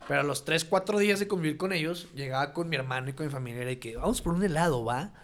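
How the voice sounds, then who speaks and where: A young man co-hosting a podcast in quick, chatty casual talk. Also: fairly high pitch, a bit bright.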